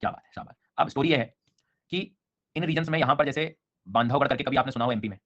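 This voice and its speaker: Male teacher, fast talker, lo-fi audio, energetic drill-style lecturing. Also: mid-range voice. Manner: energetic, coaxing students with repeated memory drills. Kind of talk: online exam-prep lecture.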